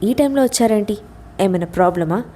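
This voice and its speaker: A woman's voice: mid-range voice, lively intonation, fairly quick, warm tone, lightly acted. A woman reading as a domineering husband. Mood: curt. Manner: curt, commanding.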